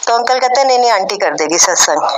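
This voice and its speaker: A woman's voice: mid-range voice, animated, fast talker, slight background noise, poor audio. Woman sharing an emotional devotional story. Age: middle-aged. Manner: emotional, conversational, acts out family dialogue. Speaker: devotee sharing a satsang testimony.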